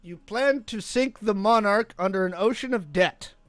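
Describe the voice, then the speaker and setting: High-pitched man hosting a game night. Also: normal speed, a bit bright, no echo, faint music behind. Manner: reads game text with playful dramatic flair. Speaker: game host reading events aloud. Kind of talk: casual game night narration. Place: gaming shop.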